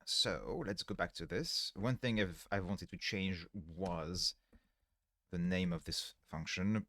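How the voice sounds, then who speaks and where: A man's voice: deep voice, slow pace, a bit bright, no echo, clean studio sound. A tired man live-streaming his coding work on a headset microphone, thinking aloud step by step and correcting himself mid-sentence as he explains. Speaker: livestreaming programmer. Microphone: livestream headset mic.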